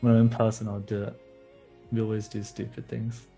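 A man talks casually on a podcast, quick to laugh and leaning on "like". His voice sits low and rough with fry. Faint music plays underneath. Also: level tone, warm tone. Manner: chatty, fills speech with "like", laughs easily. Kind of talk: casual chat.

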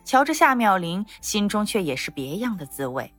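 A woman narrating a novel as an audiobook in an expressive storytelling manner. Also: mid-range voice, moderate pace, faint music behind. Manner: expressive storytelling, lively intonation.

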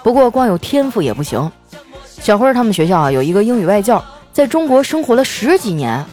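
A woman's voice: mid-range voice, big pitch swings, a little fast, mellow, soft background music. A woman host telling funny everyday stories in a playful manner, laughing often. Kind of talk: comic storytelling monologue.

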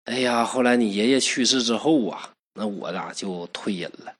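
A man's voice: lowish voice, normal speed, fairly bright tone, husky. A man voicing a kindly old female fox spirit who sighs and coaxes in a storybook tale. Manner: sighing, coaxing.

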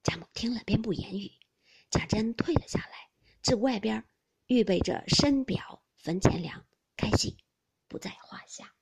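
A woman narrating a classic novel as an audiobook, with expressive, rhythmic phrasing. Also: a little high, unhurried, vocal fry, husky, in a whisper. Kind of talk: storytelling reading of a classic novel.

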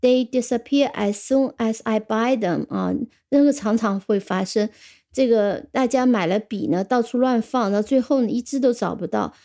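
A woman with a mellow, fairly high voice gives an English vocabulary lesson on the radio. She reads each example sentence slowly and with care, then explains it casually, often ending phrases with a soft "ah". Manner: ends phrases with the filler "啊".

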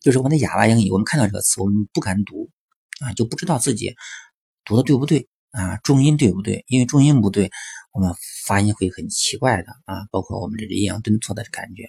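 Man, low gravelly voice, dry close sound, chatty teacher monologue full of filler particles. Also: fast, mellow, no echo. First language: Chinese. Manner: chatty, frequent filler particles and rhetorical questions. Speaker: English teaching commentator. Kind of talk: explanatory monologue.

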